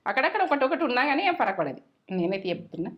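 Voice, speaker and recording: A woman's voice: a little high, very animated, very fast, lo-fi sound. A middle-aged woman hosts a cooking channel, chatting and giving homely advice and repeating herself as she goes. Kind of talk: casual cooking chat with advice.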